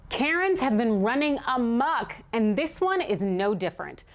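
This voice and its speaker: Animated, emphatic American woman commentator. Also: on the high side, normal speed. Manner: emphatic, sardonic. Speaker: online news show host. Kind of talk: scripted opinion commentary.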